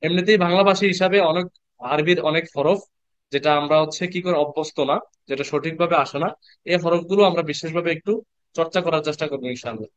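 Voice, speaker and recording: A man teaching Quran reading in an online class, patiently repeating letter sounds slowly and asking the class questions. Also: on the high side, smooth, no echo, highs cut off. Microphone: computer mic on a video call.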